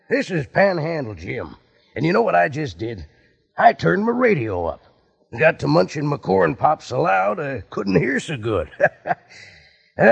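A man as a gravelly folksy cowboy pitchman. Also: exaggerated voice. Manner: hearty folksy drawl, selling eagerly. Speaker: ad announcer. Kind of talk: 1950s radio commercial. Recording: slightly dull old radio recording.

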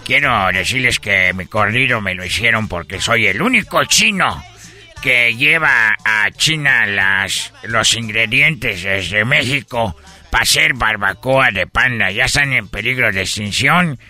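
A man tells comic stories slowly and with a lot of expression, his pitch swinging up and down. His voice is very bright and forward. Music plays softly behind him. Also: animated. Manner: joking, storytelling, mock broken phrasing. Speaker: comedian playing a Chinese immigrant character in Mexico. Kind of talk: comedic character bit with jokes.

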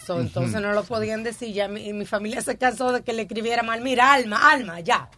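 A woman's voice: on the high side, fairly even intonation, fast talker. A woman chatting casually, explaining a story about her family. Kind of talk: casual conversation.

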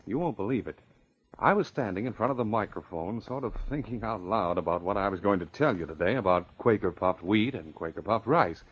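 A male radio announcer giving an excitable, gushing 1950s cereal commercial. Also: brisk, breathy edge. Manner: excitable, gushing sales pitch. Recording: dull old radio broadcast.

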